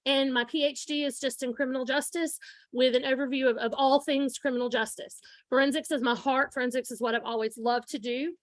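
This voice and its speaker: A woman's voice: high voice, fairly even intonation, a little fast, no echo, rough recording. A woman in her forties giving an informal lecture to students, projecting her teacher voice without a microphone. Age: 40s. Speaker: guest lecturer, forensic science instructor. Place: room, speaking aloud to a student audience.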